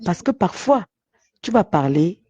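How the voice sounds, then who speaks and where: Deep-voiced Cameroonian woman, emphatic. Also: very animated, measured pace, a little mellow, breathy edge. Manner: emphatic, opinionated storytelling. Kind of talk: casual chat. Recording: dull lo-fi sound.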